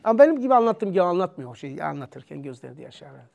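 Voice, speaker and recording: Man, Turkish accent, religious teacher, slightly high voice, emphatic preaching, soft-spoken anecdotes. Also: big pitch swings, rapid-fire, vocal fry. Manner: emphatic, rising loud when preaching, soft when telling stories.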